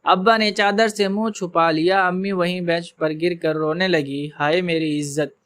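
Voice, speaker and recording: High, smooth-voiced male story narrator. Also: fairly even intonation, a bit bright.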